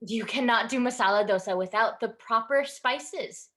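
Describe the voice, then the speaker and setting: In a staged reading over video call, a woman with a fairly high, fairly bright natural voice plays a stern, traditional middle-aged Indian mother. Her delivery is brisk, firm, halting and instructive.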